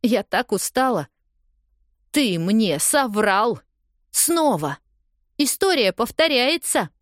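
A woman's voice: medium pitch, lively intonation, a little slow, no echo, studio quality, voice pushed up, lightly acted. A woman voicing a hurt, accusing young woman. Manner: raised, pleading, accusing. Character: upset young woman confronting her lover. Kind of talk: audiobook dialogue reading.

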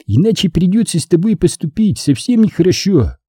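A man voicing a cheerful, cocky male enemy commander who shouts orders from cover in an audiobook. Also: big pitch swings, a little fast, breathy edge, no room sound, clean studio sound, exaggerated voice. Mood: persuading. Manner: shouting, raised pitch.

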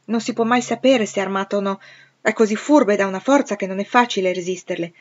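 A woman reading the lines of a bitter, commanding middle-aged gentleman, raising her voice in forceful outbursts. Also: mid-range voice, fast talker, highs cut off, natural voice.

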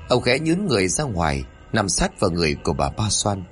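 A man's voice: on the low side, very animated, fast talker, faint music behind. A man narrating a horror story, reading in a dramatic, suspenseful way.

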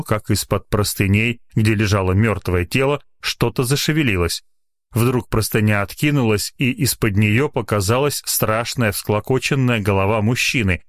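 A man narrating an audiobook with an expressive delivery, reading the story and moving between the character voices. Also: fairly low pitch.

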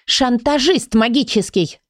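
Audiobook: woman doing a squeaky little magic book girl, fiery, high and dry. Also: big pitch swings, a little fast, darkish tone, no echo. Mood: indignant. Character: tiny excitable girl storybook, squeaky and fiery.

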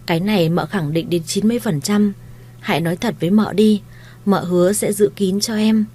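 A woman voicing a kind, shrewd young mistress of a household, speaking in a gentle, coaxing, reassuring way. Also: mid-range voice, steady tone, a little fast, breathy edge, natural voice.

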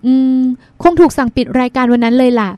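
A woman reading as a calm, gentle young boyfriend. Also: very high-pitched, fast talker, smooth, no room sound. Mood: soothing.

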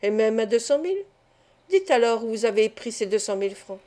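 A woman's voice: on the high side, expressive, brisk, mellow, lightly acted. A woman voicing a stern male investigating judge in an audiobook, questioning coldly and severely.

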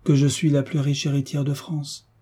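A man's voice: a little high, level tone, moderate pace, dark tone, breathy edge. A man voicing a cool, commanding young heiress in an audiobook, giving firm, clipped orders. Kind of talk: audiobook character reading.

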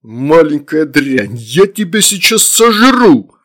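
A man's voice: mid-range voice, lively intonation, very slow, darkish tone. A man voicing an arrogant, irritable male demon lord in the body of an infant, snapping with indignant menace in a storybook reading. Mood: roaring threats.

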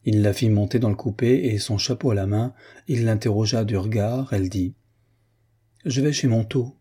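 A man reading a classic novel aloud as an audiobook narrator. His voice is low and husky, with a dark, mellow tone. He keeps a measured, even pace.

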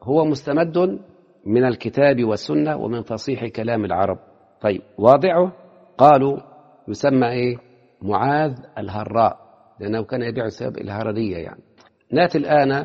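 A man with an Egyptian Arabic accent teaching Arabic morphology, breaking up his classroom lecture with quick questions to his students. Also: mid-range voice, animated, gravelly. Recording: lo-fi with long hall reverb.

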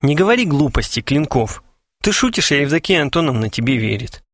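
A man's voice: fairly high pitch, sing-song, fairly quick, no room sound, clean studio sound, voice pushed up. A man voicing a sensible, blunt husband who is slightly embarrassed by his wife. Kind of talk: audiobook character voice.

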